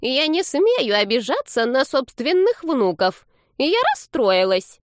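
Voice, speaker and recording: A fussy old grandmother who mishears everything and scolds in a shrill, high, swooping voice, as a woman reader puts her on. Her words stretch out indignantly, and the recording is close and dry with no room sound. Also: big pitch swings, slow pace, no room sound, exaggerated voice. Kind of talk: audiobook character voice.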